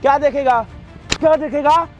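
A man's voice: extremely high pitch, steady tone, moderate pace, soft background music. A young man, angrily interrogating and threatening someone over and over in a staged confrontation video. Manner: aggressive, repetitive interrogation. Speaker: confronting vigilante.

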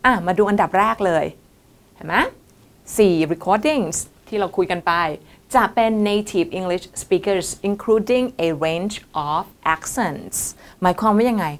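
ครูผู้หญิงสอนติวสอบอย่างมีชีวิตชีวา. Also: female voice, medium pitch. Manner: lively explanatory teaching, mixing English terms into speech. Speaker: IELTS tutor. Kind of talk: online exam-prep lesson.

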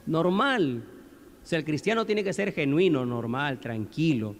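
A pastor from Peru preaches a sermon in a church hall with long reverb. His voice is on the high side and expressive, his pace measured, and he keeps it conversational by often questioning the congregation.

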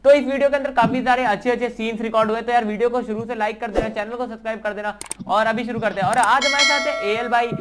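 A young man streaming a game on a headset mic, excitable and giving his teammates quick orders. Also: very high-pitched, noisy background. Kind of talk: casual gaming commentary.

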